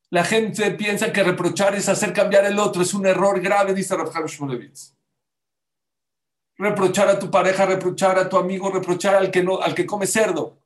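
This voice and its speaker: A man preaches as a rabbi, animated, with the voices he quotes acted out. His voice sits somewhat high. The room around him is echoey. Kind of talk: sermon.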